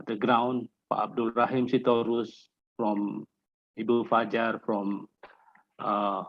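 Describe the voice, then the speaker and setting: A man from Malaysia speaks in over a muffled, lo-fi video call. His voice has a rough, gravelly grain. He delivers closing remarks haltingly, stopping often on filler sounds. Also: medium pitch. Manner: halting, many filler pauses. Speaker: steering committee representative. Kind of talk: closing remarks at an online panel.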